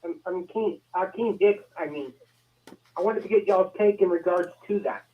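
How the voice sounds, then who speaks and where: A man with a high voice and a drawl comes through a tinny, narrow phone line. He calls in with a question for the hosts, hesitating and correcting himself. The call sounds thin and distant from the studio. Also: moderate pace. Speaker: caller.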